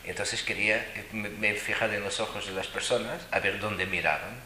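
A man telling personal stories to an audience in an animated, emphatic way, often repeating words for stress. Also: lowish voice, fairly quick, reverberant, slight background noise.

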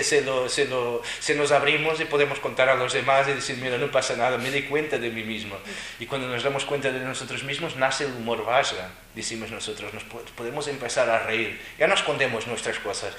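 Animated male Buddhist teacher, bright voice. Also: mid-range voice, a little hiss or hum. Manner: animated storyteller who keeps checking in with listeners. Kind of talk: dharma talk. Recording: roomy echo.

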